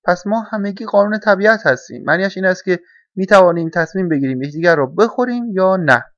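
A man's voice: high-pitched, fairly bright tone, no room sound, pitched above the performer's own voice. A nervous young stork asks polite, puzzled questions in a raised voice, as a man reads the part. The recording is dull and dry, with a lo-fi feel. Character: anxious, thoughtful young stork. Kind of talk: storybook reading.

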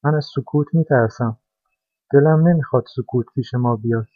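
A man's voice: medium pitch, dry recording, natural voice. A man voicing a small, timid toy car that whines and insists in a childlike way, as a storybook character. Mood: scared. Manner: whiny, insistent, easily frightened. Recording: dry, dull lo-fi recording.

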